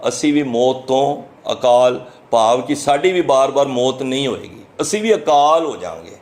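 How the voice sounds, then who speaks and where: A man's voice: medium pitch, expressive, darkish tone. Earnest Punjabi man preaching. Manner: earnest, explanatory, chants verses slowly then explains them. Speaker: Sikh preacher giving scripture commentary. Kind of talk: sermon, explaining scripture verse by verse.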